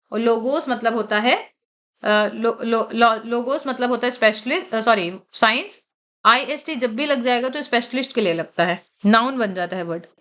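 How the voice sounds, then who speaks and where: A woman teaching an exam-prep vocabulary lecture. She explains slowly and asks questions, then answers them herself, mixing English terms into her teaching. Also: fairly high pitch, pushed and bright.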